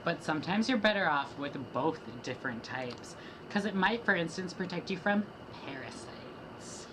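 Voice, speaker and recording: Trading lines with a partner, a student, a young woman with a very low voice, reads rap lyrics dramatically in a steady, rhythmic way at an ordinary pace. Noticeable hiss and background noise underlie this homemade recording.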